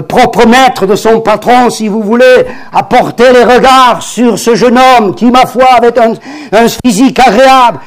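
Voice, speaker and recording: A man preaching a sermon, swinging from loud exclamations to hushed low warnings.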